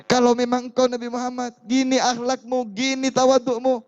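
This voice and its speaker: A shrill, scornful woman hurls accusations, as a male preacher puts her on, her voice pushed far up and ringing. The recording is dull and lo-fi. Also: completely flat delivery, fairly quick, darkish tone.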